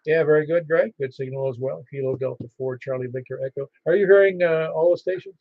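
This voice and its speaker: A man with a slightly high, gravelly voice runs an amateur radio roll call. He is procedural and halting, spelling call signs phonetically, on dull band-limited radio audio. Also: no echo. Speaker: amateur radio net controller.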